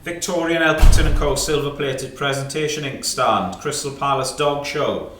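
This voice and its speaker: A man's voice: medium pitch, normal speed, music in the background. British auctioneer man, echoey room. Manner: fine art auctioneer patter, clipped numbers, repeated prompts. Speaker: auctioneer at an antiques sale. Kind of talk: live auction calling, reeling off rising bids. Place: indoor auction sale room. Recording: echoey sale room, distant microphone.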